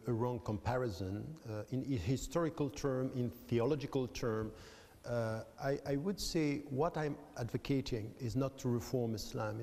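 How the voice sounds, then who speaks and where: Measured male professor from Switzerland. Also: medium pitch, warm tone. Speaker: professor, guest. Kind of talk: debate interview. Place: debating hall with an audience. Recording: long hall reverb.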